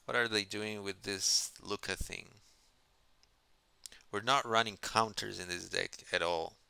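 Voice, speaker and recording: A man commentates a card game on a live stream, musing in mock-philosophical asides. His voice is low and fairly level, with a gravelly edge and a bright, crisp ring. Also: steady tone, measured pace, dry recording. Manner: musing, mock-philosophical, asking himself questions.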